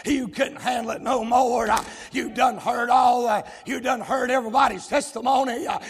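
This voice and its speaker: Gravelly Southern US preacher in a big church hall. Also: male voice, very high-pitched, steady tone, normal speed, a little hiss or hum. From South Carolina, US. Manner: fiery preaching that builds to shouting, folksy. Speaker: pastor. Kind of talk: sermon. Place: large church sanctuary. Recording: long church hall reverb.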